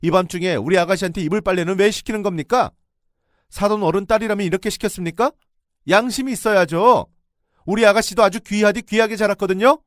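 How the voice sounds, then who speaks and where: A man voicing an indignant young wife who shouts shrilly in defense of her sister-in-law. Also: high-pitched, fast talker, no room sound, studio quality, pitched above the performer's own voice.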